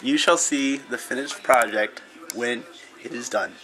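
Speaking a little slowly in a medium-pitched voice with a sharp tone, this young adult male vlogger jokes and teases in casual banter. He's filming a home video in a kitchen using a handheld camera mic.

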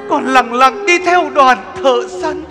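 A man playing an aging king who grieves for his lost son, singing and crying out in the wailing style of Vietnamese chèo theatre. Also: very high voice. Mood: anxious grief. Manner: wailing sung laments, drawn-out cries. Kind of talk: traditional Vietnamese chèo singing and stage acting. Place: theatre stage. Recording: loud traditional music behind the singing.

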